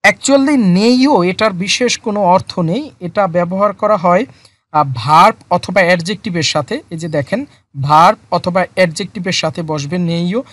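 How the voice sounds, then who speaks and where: A teacher explaining a textbook lesson in a slow word-by-word way, repeating each term with frequent fillers. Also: medium pitch, dry recording. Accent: Bangladeshi Bengali. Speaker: Korean language teacher. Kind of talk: lesson explaining vocabulary and grammar.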